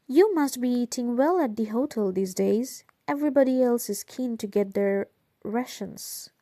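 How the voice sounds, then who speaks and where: A woman's voice: on the high side, animated, moderate pace, dark tone, no room sound, clean studio sound, pitched above the performer's own voice. A woman voicing a harsh, bullying male army officer with curt, cold commands in an audiobook reading. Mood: cold, menacing.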